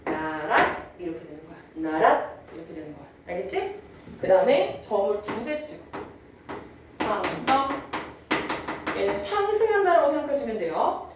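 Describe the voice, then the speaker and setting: Captured on a distant mic in an echoey, noisy room, a young woman teaching Korean delivers a talkative lecture and often checks in with the class. Her slightly high voice swings widely in pitch and comes out fast, though she drawls words when illustrating old pronunciation.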